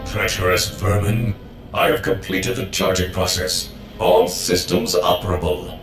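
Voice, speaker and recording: A patriotic military droid from a video game, very low in pitch. It speaks in grand, formal, melodramatic phrases. The sound is echoey, with music clearly playing behind it. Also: male voice, level tone, unhurried. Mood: menacing, formal. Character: bombastic, fiercely patriotic male war droid. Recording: roomy echo, clear music underneath.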